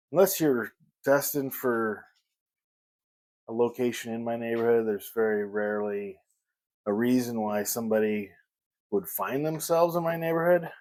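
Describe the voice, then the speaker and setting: A man vlogging a casual morning chat at home, rambling and pausing to search for the right word. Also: mid-range voice, darkish tone. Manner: rambling, pauses to search for words.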